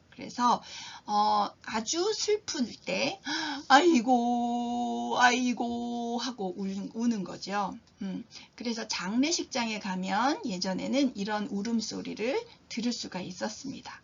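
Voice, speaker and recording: A woman teaching a language lesson, explaining calmly and acting out sample exclamations with lively emphasis. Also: on the high side, creaky, husky, muffled recording.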